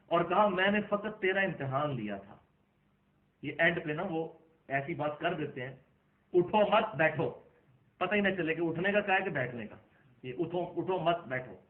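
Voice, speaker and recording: A man delivers a religious lecture in a fairly high voice, building arguments and breaking into emphatic bursts. The recording sounds thin and phone-like. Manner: argumentative, rising to emphatic outbursts. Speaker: Islamic lecturer.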